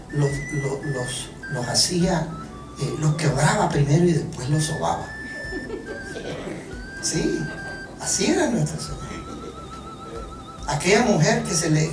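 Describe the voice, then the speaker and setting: A preacher giving a joking, animated sermon, often stumbling over repeated words. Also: mid-range voice. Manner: animated, joking, halting restarts. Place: church hall. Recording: echoey room from far off, music behind.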